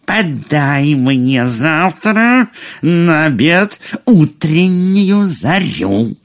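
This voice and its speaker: A man voicing a cruel, greedy old ogress witch queen in a storybook reading, with slow, drawn-out commands. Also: on the high side, very animated, pitched above the performer's own voice, exaggerated voice. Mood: commanding.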